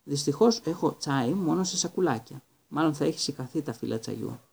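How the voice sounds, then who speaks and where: A man voicing a calm, kindly male teacher who speaks gently and sounds a little tired, in a Greek audiobook reading. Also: fairly high pitch, vocal fry, a little hiss or hum. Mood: gentle.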